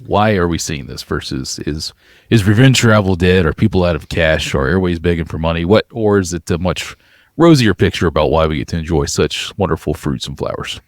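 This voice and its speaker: Deep voice podcast host guy, jokey questions, dry close sound. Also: brisk, dry recording. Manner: playful, joking questions. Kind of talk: podcast interview.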